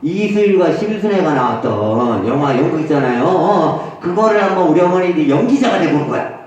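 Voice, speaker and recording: Slow, high-pitched man leading a group game in an echoey hall. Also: lively intonation, a little mellow, lo-fi sound. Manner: brisk, coaxing, teasing, counts off cues. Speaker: senior recreation instructor. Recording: very echoey hall, distant mic.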